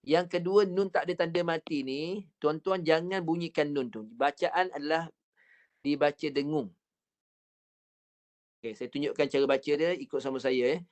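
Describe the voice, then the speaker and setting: His voice is on the high side with a darkish tone: a Malay man patiently teaching an online recitation lesson via a computer mic on a video call. He drills repetitively, counts practice rounds, and demonstrates by stretching words very slowly.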